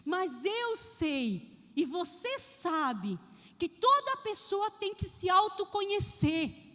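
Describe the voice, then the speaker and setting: A woman pastor preaches a lively sermon in a very high voice. She speaks straight to her congregation and acts out the people in her stories. Her voice rings with a long reverb through the church hall. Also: takes it slowly. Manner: addresses the congregation directly.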